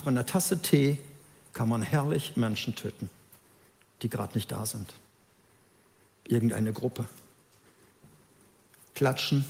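A man preaching a sermon, emphatic and lively, who acts out the voices of the people he quotes. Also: mid-range voice, gravelly, long reverb tail.

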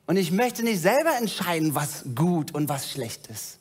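A man's voice: on the high side, big pitch swings, moderate pace, breathy edge. A man playing Adam, gushing and childlike. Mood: dreamy, tender. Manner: enthusiastic, gushing, talking to an unseen father.

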